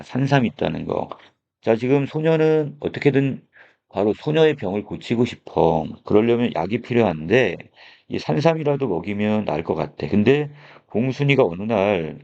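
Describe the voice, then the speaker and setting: Low gravelly male teacher, explaining. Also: sing-song, normal speed, a little mellow. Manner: explanatory, opens phrases with a filler 'so'. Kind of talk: classroom lecture on a literary text. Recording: dull lo-fi recording.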